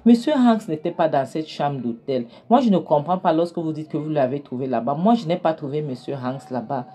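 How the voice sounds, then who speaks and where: A woman's voice: low-pitched, lively intonation, a little fast, mellow, husky. A woman voicing an upset young daughter pleading her innocence to her mother. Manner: pleading, emphatic denials.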